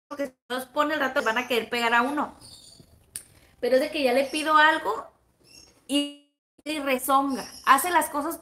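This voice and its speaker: Speaking with a Sonoran Mexican accent, this woman has a high, bright voice and a forceful tone. She hosts a relaxed livestream, reading comments out loud and gossiping warmly with her audience, whom she calls comadres and plebes.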